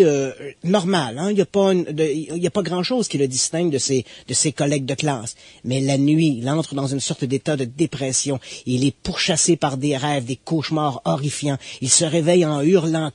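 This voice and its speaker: A man, recounting an exorcism case in a conversational storytelling style, building suspense with emphatic pauses. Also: on the high side, darkish tone, slightly rough, no room sound. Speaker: guest expert.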